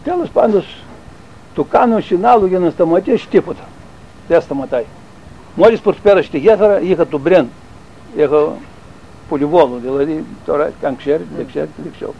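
Older man, fairly high voice, rambling oral-history teller, dull lo-fi tape. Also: creaky, breathy edge. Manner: rambling, halting, with restarts and fillers. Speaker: interviewee recalling army service.

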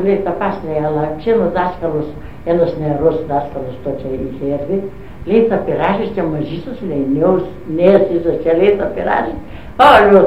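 A woman's voice: fairly low pitch, slight background noise. An older woman recounting memories, acting out quoted dialogue with constant "she says, I say" tags. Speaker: interviewee recalling her youth. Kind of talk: oral history storytelling. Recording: echoey, distant, dull lo-fi recording.

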